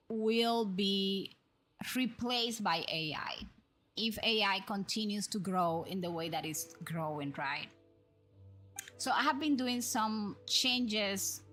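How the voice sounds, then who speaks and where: Hosting a game livestream over background music, a woman speaks at a medium pitch with a fairly bright tone. Her talk is conversational and aimed right at viewers, full of tag questions.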